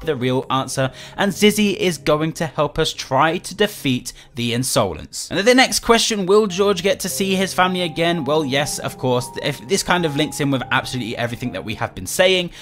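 A man explaining a game theory in a measured way, dropping in "you know" as he goes. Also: fairly high pitch, lively intonation, a bit bright, faint music behind. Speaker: video creator explaining a theory.

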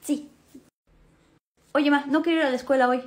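A woman's voice: sits high, steady tone, normal speed, a little mellow, natural voice. A woman acting out a whiny little girl who pleads with her mom in a comedy sketch. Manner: pleading, sulky.

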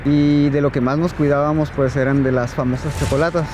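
A man, answering interview questions outdoors in a calm, measured way, often repeating words as he thinks. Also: fairly high pitch, noisy background. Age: 30s. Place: outdoors at dusk near a border fence. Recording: music bed under the speech.

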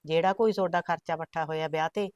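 An older woman playing a worried village mother who pleads gently with her family. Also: sits low, fairly even intonation, fast talker, no echo, muffled recording, natural voice. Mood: consoling. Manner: soft coaxing pleas, repeated "putt". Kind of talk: rural family drama acting.

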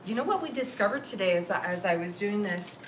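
A woman stylist talks through outfits in a chatty way and keeps checking in with the people around her. Her voice rings around a roomy space and sits back from the mic. Steady background noise runs underneath. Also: mid-range voice, a little fast. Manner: chatty, keeps asking "okay?". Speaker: host, stylist. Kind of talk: casual styling demo. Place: clothing store. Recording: roomy, distant mic, noisy.

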